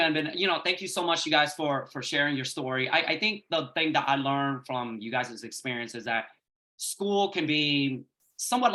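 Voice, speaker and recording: A man's voice: on the high side, bright, forceful tone. A man moderating a panel discussion, thanking speakers in an encouraging, conversational way.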